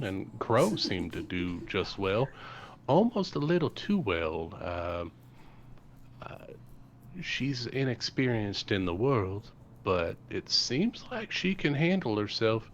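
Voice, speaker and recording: A man voicing a calm, thoughtful woman adventurer who speaks deliberately with many pauses. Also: lowish voice. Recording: slightly dull with faint noise.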